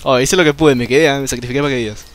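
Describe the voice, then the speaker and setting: A man giving casual, excited commentary over a video game, swearing often and breaking into yells. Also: medium pitch, very fast, slight background noise. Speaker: gameplay commentator.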